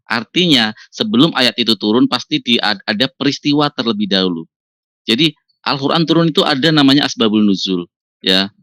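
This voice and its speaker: A man's voice: mid-range voice, a bit bright, dry recording, clean studio sound. A man in an online voice-chat debate who explains his points step by step and politely addresses the others.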